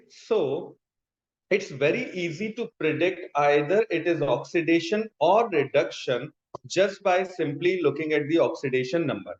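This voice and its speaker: A man with a Pakistani accent teaching a class in an instructive way, repeating key terms and often checking that students follow. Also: a little high. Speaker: chemistry teacher. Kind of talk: classroom lecture mixing explanation and questions to students. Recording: dull, echoey room sound.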